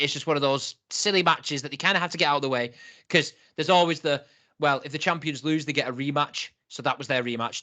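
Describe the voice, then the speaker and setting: Bright-voiced man chatting wrestling. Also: mid-range voice. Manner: chatty, laughs often, swears casually. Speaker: podcast co-host. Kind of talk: casual wrestling review chat.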